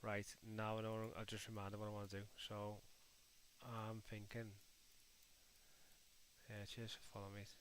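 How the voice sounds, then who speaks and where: A male livestream host from Liverpool, England, speaks in a low, flat voice with a Scouse accent at a normal speed, pausing often. He chats casually with viewers while building in a game editor, calling them mate and lad and muttering to himself as he works. There's a little hiss or hum in the recording.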